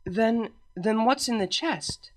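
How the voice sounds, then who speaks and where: A woman's voice: a little high, takes it slowly, faint music behind, voice pushed up. A woman voicing a regal alicorn princess who is polite but exasperated and sighs often.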